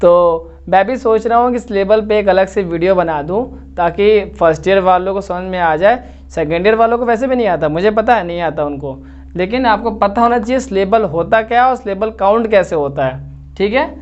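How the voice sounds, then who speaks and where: A man's voice: sits high, animated, brisk, a little mellow, muffled recording. A man teaching literature in a lecture video, explaining step by step and often checking that students follow. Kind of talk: classroom-style lecture video.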